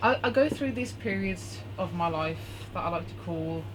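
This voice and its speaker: A woman from Norway, reading her own poem at a poetry night from her phone, measured and deliberate. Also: fairly low pitch, expressive. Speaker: performing poet. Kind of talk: spoken-word poetry reading. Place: bar hosting a poetry night. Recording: noisy live venue recording.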